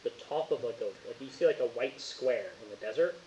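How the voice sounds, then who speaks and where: A man's voice: medium pitch, fairly quick, a little mellow. Rambling man running a tabletop game. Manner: rambling, laughs often, many fillers. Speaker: game master. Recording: echoey, muffled, faint hiss.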